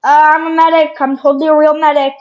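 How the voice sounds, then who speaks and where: A woman's voice: high-pitched, level tone, quick pace, voice pushed up, natural voice. A woman voicing an overeager fake medic who keeps insisting she is real, in a playful, insistent manner, heard on a dull lo-fi recording. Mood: sly.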